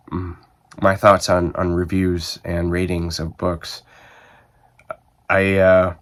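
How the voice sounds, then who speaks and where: A man with a cold, his voice rough and stuffed up, chatting casually to camera about reading and rambling as he thinks aloud with many restarts. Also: low-pitched. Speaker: book video host.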